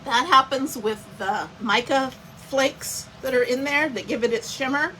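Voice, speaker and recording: A woman's voice: sits high, a little slow, pushed and bright, slight background noise, rough recording. A woman giving a chatty, step-by-step live craft demonstration and greeting viewers by name as she works. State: has the hiccups. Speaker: craft instructor.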